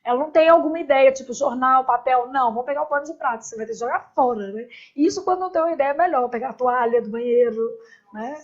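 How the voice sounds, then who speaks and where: A woman's voice: sits high, fast, muffled recording. A woman teaching a grammar class in a casual, chatty way, with joking asides and constant "né?" tags.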